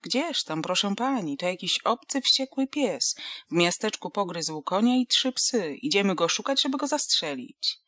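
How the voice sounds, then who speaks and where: A woman voicing a polite, brisk male village policeman in an audiobook. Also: mid-range voice, lively intonation, a bit bright, no echo, close to an everyday voice. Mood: urgent.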